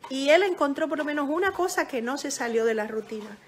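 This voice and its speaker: Calm high-voiced woman giving parenting advice. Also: slight background noise. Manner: calm, slow and gentle, with many pauses and restarts; teacherly, checks in with "¿ok?". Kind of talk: casual advice talk to parents.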